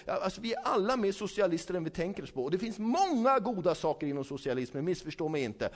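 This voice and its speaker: A man preaching a sermon in a lively, conversational way, asking his listeners frequent questions and acting out the dialogue he retells. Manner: acts out quoted dialogue, dropping low and soft for asides.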